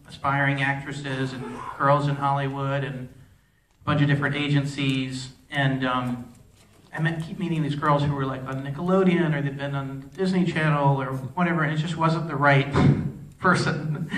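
A film director answering audience questions at a festival Q&A, rambling, restarting sentences and using many fillers. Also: male voice, a little high, fairly even intonation, moderate pace, fairly bright tone. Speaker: film director at a post-screening Q&A. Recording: echoey hall, voice from far off.

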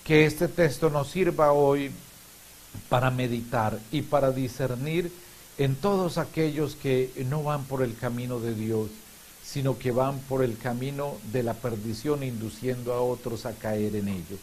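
A middle-aged man speaks as a priest at Mass, with a medium-pitched voice. His delivery is solemn and measured, with deliberate pauses between phrases. A hiss sits behind the voice. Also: steady tone, a little mellow, rough recording. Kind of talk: homily and prayers at Mass. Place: small indoor chapel room. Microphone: lapel mic. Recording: clear background hiss.

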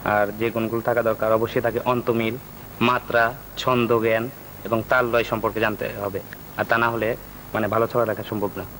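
Very quick-talking Bangladeshi man. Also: lowish voice, little pitch movement, fairly bright tone. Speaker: rhyme poet, interview guest. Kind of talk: explanatory interview answers. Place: television studio. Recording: noisy old TV studio tape.

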